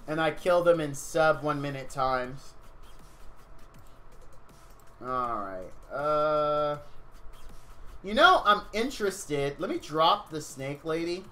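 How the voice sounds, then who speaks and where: Tired male streamer, slightly high and bright, loose rambling chat with viewers over gameplay. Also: lively intonation, slow pace, long pauses. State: tired, yawning. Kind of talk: casual game-stream commentary.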